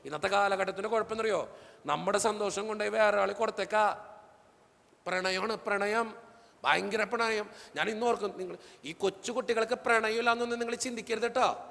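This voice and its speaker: Speaking a little fast, a priest gives young people a lively, joking talk, acting out the people in his stories by slipping into their voices. His voice is very high for a man, with a gravelly edge, and a long reverb makes it ring as if across a big hall.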